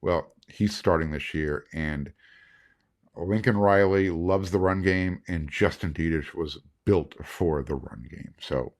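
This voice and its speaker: A man's voice: deep voice, slow pace. A man hosting a sports podcast, recapping in a casual, rambling way with many fillers and restarts. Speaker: podcast host.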